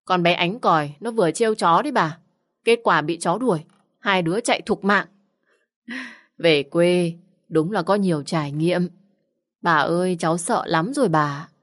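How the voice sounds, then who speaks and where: A woman's voice: on the low side, normal speed, pauses often, natural voice. A woman voicing a timid young man in his twenties who complains and exclaims a lot. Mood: whiny. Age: 20s. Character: timid young man, whiny and easily scared.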